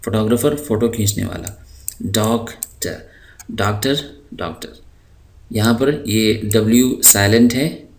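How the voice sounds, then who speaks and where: Lowish-voiced man teaching vocabulary. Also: creaky, darkish tone. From Pakistan. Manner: stretches each vocabulary word out slowly, then explains it; patient, with frequent hesitation fillers. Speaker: English teacher. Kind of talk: recorded vocabulary lesson.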